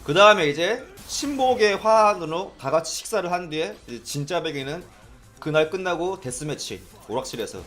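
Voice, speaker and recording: A young man from South Korea casually telling stories, animated and often mimicking people he quotes. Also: on the high side. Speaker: streamer recalling arcade days. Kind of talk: casual storytelling chat.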